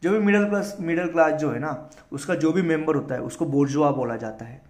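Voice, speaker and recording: Echoey, higher-voiced Indian vocab teacher. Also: male voice, fairly quick, a little mellow. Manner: spells words letter by letter, explains in Hindi. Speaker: vocabulary teacher for exam prep. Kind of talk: casual spoken lesson.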